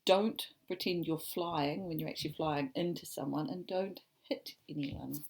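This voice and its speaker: Reading a picture book aloud, a woman ESOL teacher warmly quizzes her class about the pictures. Her voice is low, gravelly, and husky, moving at a moderate pace.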